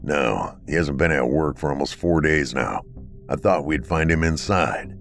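A man voicing a gruff veteran county sheriff in an audiobook, talking low and terse. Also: animated, a little slow, faint music behind, exaggerated voice.

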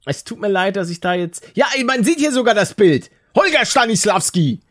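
A man's voice: sits high, lively intonation, a bit bright. A young man co-hosting a casual comedy podcast, rambling and joking. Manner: rambling, jokey, quick to laugh. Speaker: podcast co-host.

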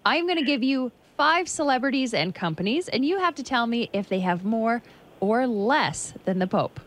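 A woman's voice: fairly high pitch, animated, moderate pace. A woman co-hosting a morning radio show with playful, teasing banter and quiz questions.

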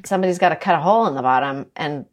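A woman's voice: deep voice, very fast, a little hiss or hum. A woman in casual chat, playfully guessing at sports terms and acting out little scenes. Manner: playful, acts out scenes in bursts of voices. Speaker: quiz guest.

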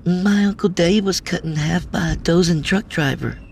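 A man's voice: high voice, moderate pace, gravelly, slight background noise, pitched above the performer's own voice. A man voicing a timid, polite little schoolgirl riding a bus, speaking with a slight hesitancy. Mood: matter-of-fact.

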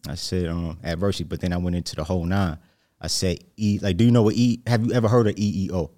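Male, low-pitched, Brooklyn accent, slangy and casual conversational delivery, interview guest feel. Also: fairly even intonation, fast, warm tone. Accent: Brooklyn New York. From New Jersey, US. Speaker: hot seat guest, aspiring motivational speaker.

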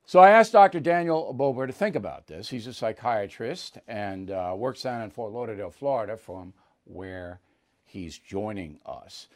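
Emphatic man giving lively opinion commentary. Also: on the low side, normal speed. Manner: emphatic, repeats words for punch. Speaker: host.

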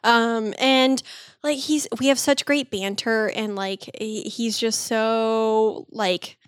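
A woman's voice: fairly high pitch, steady tone, slow pace, clean tone, no room sound, studio quality. A woman in her late twenties telling dating stories in a casual chat, full of "like" fillers. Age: late 20s. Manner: chatty storytelling with constant "like" fillers. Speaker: podcast co-host.

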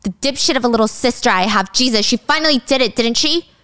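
A woman's voice: fairly high pitch, lively intonation, fast talker, a bit bright, clear, resonant tone. A woman voicing an arrogant, domineering lawyer husband who barks curt orders, in a drama recap. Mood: commanding.

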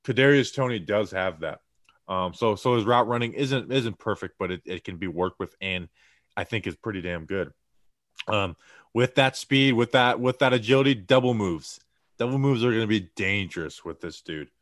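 A man with a low voice chatting about football prospects, excited and rambling, full of "you know" and "like". The sound is dry and close, with no room around it. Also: moderate pace, no room sound. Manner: excited, rambling with many fillers. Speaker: podcast co-host. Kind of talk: casual sports analysis chat.

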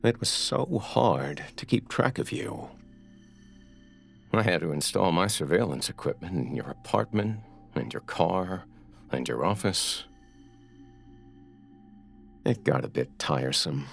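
An actor playing a creepy, obsessive male captor who gloats slowly and menacingly over his prisoner in a horror audio drama. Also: deep voice, animated, faint music behind, heavily acted. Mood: gloating. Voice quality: gravelly.

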